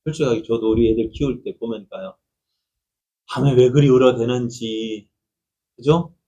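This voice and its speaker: A man's voice: medium pitch, moderate pace, mellow, highs cut off. A middle-aged man preaching a Sunday sermon. He talks conversationally, keeps asking the congregation questions, and acts out quoted speech in a raised voice. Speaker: pastor.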